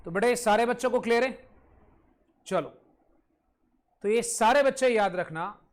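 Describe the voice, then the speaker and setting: A man's voice: very high-pitched, a little slow. A male commerce teacher giving an online class lecture with a Punjabi-influenced Hindi accent, repeating points, quizzing his students and sometimes scolding them.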